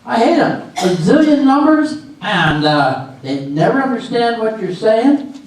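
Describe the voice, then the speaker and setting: In a readers theater comedy performed live, a man acts out a grumpy husband who is forgetful and befuddled, struggling with phone menus; he grumbles haltingly, exasperated. His exaggerated voice is very high-pitched and very animated, recorded from afar in an echoey, noisy hall.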